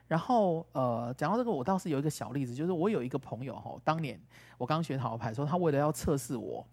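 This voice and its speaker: Fast-talking man explaining tarot. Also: medium pitch, animated, darkish tone, husky. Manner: chatty, tells stories with acted-out quotes. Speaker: teacher of tarot and astrology. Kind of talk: casual podcast explanation.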